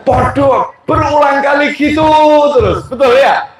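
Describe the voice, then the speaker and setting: A man's voice: very high-pitched, measured pace, some chatter behind, slight background noise. A man with a Javanese accent giving a jokey sermon, teasing his congregation with questions. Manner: jokey, keeps asking the audience questions. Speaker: preacher. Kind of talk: humorous sermon to a live congregation. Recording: very echoey hall.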